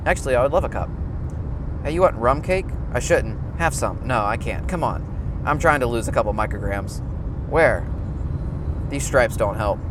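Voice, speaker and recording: A man reading a film script aloud inside a car, sometimes projecting loudly, with vehicle and wind noise behind him. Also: mid-range voice.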